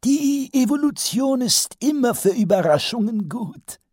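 A man voicing an old, pompous male wizard who lectures slowly and cheerfully in a very high, drawn-out voice. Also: lively intonation, darkish tone, husky, no echo, studio quality, exaggerated voice.

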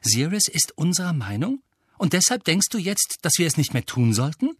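Man voicing a heated teenage schoolboy, earnest, high and loud, dry audiobook sound. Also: big pitch swings, breathy edge, no room sound. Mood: agitated. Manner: heated, quick to object.

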